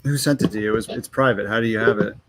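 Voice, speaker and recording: A man's voice: on the low side, racing, noisy background. A man in his thirties, a guest on a livestream panel, explaining himself in frank, rambling casual chat. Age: 30s. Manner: frank, rambling, self-justifying.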